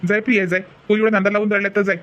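A man voicing a hurried, flustered husband in a village cartoon. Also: sits high, flat delivery, sharp tone, dull audio. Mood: teasing. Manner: fast and flustered. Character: hurried husband late for office.

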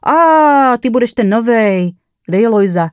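A woman's voice: a little high, expressive, clear, resonant tone, no room sound, studio quality, pitched above the performer's own voice, lightly acted. A woman voicing a rude, impatient young male paramedic who barks orders and mocks in coarse slang, in a horror story reading. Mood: mocking, impatient.

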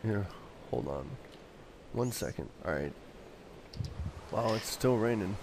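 A man, a father, chatting casually and upbeat on a voice call while leading his family through a video game, quick to joke. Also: on the low side, expressive, background noise. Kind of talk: casual gaming chat.

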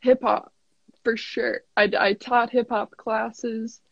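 A woman's voice: on the high side, little pitch movement, slow pace, vocal fry, no echo, dull audio. A young woman from South Dakota, a guest in a casual interview, answering in a shy, hesitant way.

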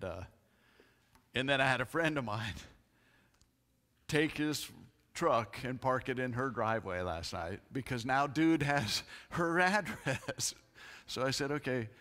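A middle-aged man giving church announcements in a chatty, laughing storytelling manner. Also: mid-range voice. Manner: chatty, animated storyteller who laughs often. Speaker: pastor. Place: church sanctuary. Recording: long hall reverb.

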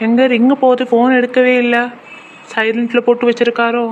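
A man voicing a caring young father in a cartoon, who talks to his daughter in a gentle, coaxing way. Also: very high-pitched, monotone, brisk, highs cut off, slight background noise.

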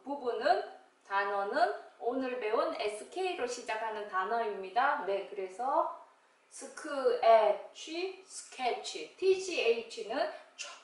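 A woman teaching English phonics, sounding out words slowly, syllable by syllable. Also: fairly high pitch, animated, recorded from a distance. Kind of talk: slow instructional phonics lesson. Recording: very echoey room, voice a bit off-mic.

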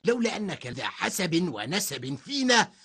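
A man voicing ancient townsmen in a cartoon, talking emphatically and with lively delivery. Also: high voice, moderate pace, slightly rough, heavily acted. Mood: mocking. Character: ancient townsman, mocking then terrified.

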